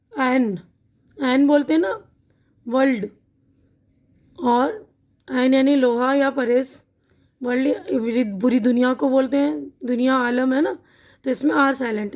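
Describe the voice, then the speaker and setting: A woman with a high voice teaches an English lesson, reading words aloud and explaining each one. She goes slowly, repeats words as drills and often pauses to check that her listeners follow. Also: a little mellow. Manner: checks in with "theek hai na". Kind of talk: online spoken-English lesson.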